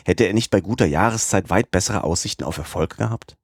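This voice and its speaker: An eager, worried young manservant, as a male narrator reads him in a storybook. He fusses and frets about his master's safety. The voice is deep and the sound is close and dry. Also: a little fast, no room sound.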